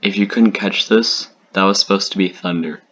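A man's voice: low voice, normal speed, lo-fi sound, noisy background. A young man casually reacting to his old short films, chatty and rambling with lots of fillers.

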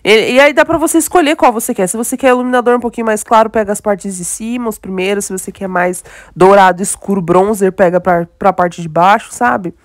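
In clean studio sound without room reverb, a young Brazilian woman talks a little fast and barely pauses, her medium-pitched voice blocked up by a cold. As a beauty vlogger, she chats excitedly with viewers during a casual makeup tutorial, with a Brazilian Portuguese accent.

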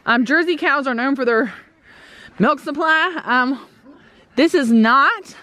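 Holding her camera at arm's length outdoors, a woman in her thirties shows viewers around her farm in a casual tour. She has a high, fairly bright voice and explains things chattily, saying "um" a lot, as a homesteader vlogger.

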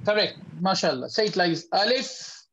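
A man teaching a beginners' lesson online, patiently correcting students and slowly demonstrating each sound. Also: high-pitched, a bit bright. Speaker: Tajweed teacher. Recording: slightly dull lo-fi audio.

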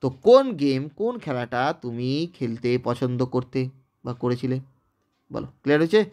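Speaking a little fast with big swings in pitch, a West Bengal man with a Bengali accent delivers a recorded online English grammar lesson. His mid-range voice is slightly mellow. He builds the lesson step by step and checks often that students understand.

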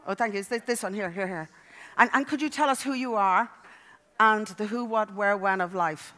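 Bright-voiced woman hosting on stage. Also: medium pitch, normal speed. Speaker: event host. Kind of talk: informal encouraging stage hosting. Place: large conference stage, indoors. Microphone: handheld microphone. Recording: echoey hall, audience and background noise.

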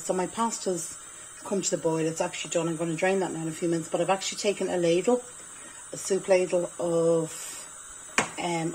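A woman in her forties with an Irish accent chats her way through a cook-along in her own kitchen, talking homely and explaining each step as she goes. Her voice is mellow and warm in tone. The camera sits on the worktop, with a faint hum of kitchen noise behind her. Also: fairly low pitch, low-quality recording. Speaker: home cooking vlogger. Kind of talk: casual cook-along talk. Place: home kitchen.

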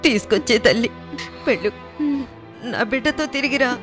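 A woman's voice: on the high side, expressive, normal speed, over loud music, lightly acted. An actress playing a distraught mother who begs for her missing daughter to be brought home. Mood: pleading. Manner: anxious, pleading.

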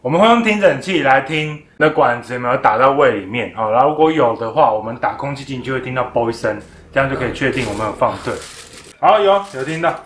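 A man's voice: mid-range voice, expressive, quick pace, a bit bright. A young man with a Taiwanese Mandarin accent, chatting casually as a nurse in a demonstration. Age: young adult. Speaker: nurse taking part in a demonstration. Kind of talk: casual chat. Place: small furnished room indoors. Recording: music playing behind the voice.

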